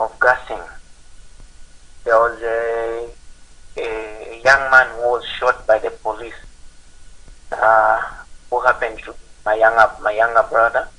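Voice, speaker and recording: A man calling in over a clipped phone line, asking his question haltingly with many pauses and restarts. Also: medium pitch, pushed and bright. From Zambia. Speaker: caller. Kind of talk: call-in question on live television.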